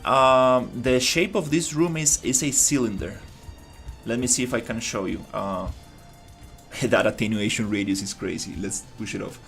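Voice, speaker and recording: A man's voice: medium pitch, normal speed, vocal fry, fairly bright tone, faint music behind. A man from Costa Rica streaming his game development work, thinking aloud in a casual way with many fillers and restarts. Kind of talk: casual live-stream commentary.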